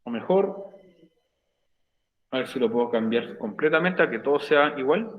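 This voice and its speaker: A man's voice: mid-range voice, expressive, moderate pace, narrow, tinny audio. A male teacher explaining grammar patiently in an online class, repeating each step. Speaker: English teacher. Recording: echoey room.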